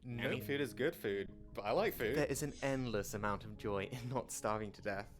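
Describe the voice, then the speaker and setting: A man's voice: mid-range voice, normal speed, music in the background, lightly acted. A man reading scripted second-person narration for a story game in a dramatic storytelling manner.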